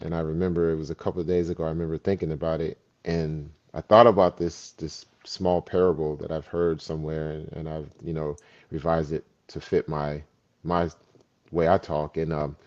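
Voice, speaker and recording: A man's voice: a bass voice, darkish tone. A man, an actor, reflecting and telling stories in a casual conversation. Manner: reflective, storytelling. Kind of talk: casual chat. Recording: dull lo-fi sound.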